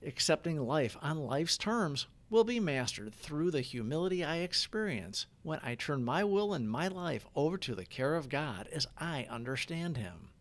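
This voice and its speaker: A man who hosts a recovery channel reads prayers and daily reflections in a scripted, devotional style. His voice sits on the high side.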